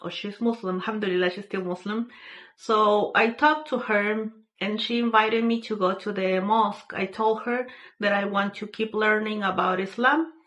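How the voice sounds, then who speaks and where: A woman's voice: medium pitch, fairly even intonation, a bit bright. Earnest woman from Peru. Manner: earnest, unhurried, with frequent fillers and restarts. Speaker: vlogger sharing a personal story. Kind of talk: casual personal testimony.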